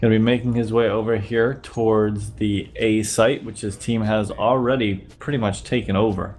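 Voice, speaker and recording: Here a YouTube host reviews gameplay, talking casually in a lowish, slightly nasal voice that suggests he's ill. He keeps a moderate pace and an easygoing play-by-play style.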